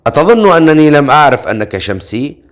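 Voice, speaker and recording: A man's voice: fairly high pitch, very animated, fast, pitched above the performer's own voice. A man voicing a jealous, hot-tempered male host in a fantasy story, with a raised and indignant voice. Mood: accusing.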